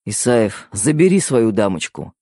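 A man voicing a gruff, menacing man who speaks in clipped, barking orders. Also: mid-range voice, expressive, normal speed, a little mellow, dry recording, clean studio sound, close to an everyday voice. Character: gruff menacing man, curt and weary boss.

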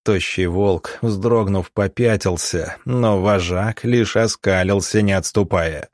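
A man narrating an audiobook in a steady, dramatic storytelling manner. His voice sits low. The recording is dry and close, with no room sound. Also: slow, dry recording. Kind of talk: scripted narration.

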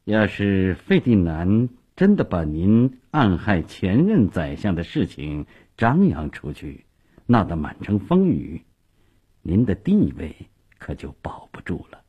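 A man voicing a sly male court secretary who plots in a low, partly whispered voice, in a radio story. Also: huge pitch swings, slow pace, husky, highs cut off, exaggerated voice. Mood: scheming.

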